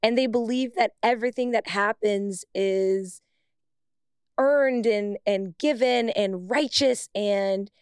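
A young woman co-hosting a casual sports podcast, animated and emphatic, laughing often. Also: medium pitch, slow, clear, resonant tone, dry recording, studio quality. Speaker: podcast co-host, former pro soccer player. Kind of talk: casual chat.

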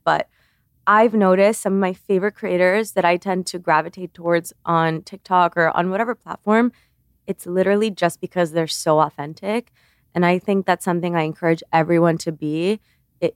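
A woman's voice: lowish voice, no echo, studio quality. A woman in her twenties, born in Cuba, talking casually and earnestly as an interview guest, with lots of fillers and restarts. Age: 20s. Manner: chatty, earnest, frequent "like" and restarts. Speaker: guest, beauty creator.

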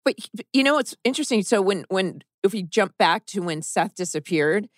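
A woman's voice: medium pitch, lively intonation, a little fast, no echo, clean studio sound. A woman co-hosting a casual rewatch podcast, chatty and retelling scenes with quoted lines. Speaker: podcast co-host.

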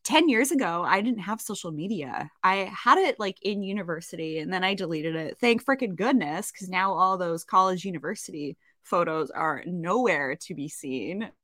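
A woman's voice: on the low side, animated, moderate pace, hardly any pauses, fairly bright tone, no room sound, studio quality. A woman with a Canadian accent co-hosting a podcast in a chatty, self-mocking way, full of rambling asides. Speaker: podcast co-host. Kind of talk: casual podcast chat.

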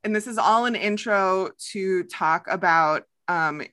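A woman hosting a casual podcast chat, her voice bright and clear. She talks loosely and laughs often, with plenty of fillers between thoughts. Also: mid-range voice, a little slow. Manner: chatty, laughing, many fillers. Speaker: podcast host.

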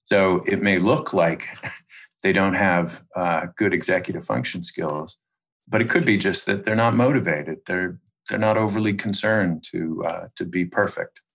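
This male interview guest speaks as an expert, choosing precise academic phrasing and pausing deliberately as he explains. He sits low in pitch, and his tone is fairly bright.

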